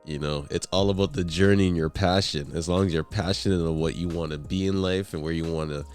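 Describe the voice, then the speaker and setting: A man's voice: low voice, steady tone, quick pace, a little mellow, smooth, soft background music. A man co-hosting a casual sports chat who laughs often and likes to offer motivational advice. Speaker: co-host.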